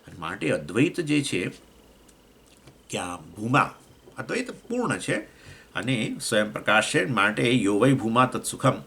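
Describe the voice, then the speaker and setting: Gujarati-accented male swami teaching scripture; bright, questioning, lively teacher. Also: a little slow, vocal fry, pauses often. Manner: explains with questions to listeners, acts out voices of elements; pitch swings between raised points and low asides. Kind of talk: scripture class lecture.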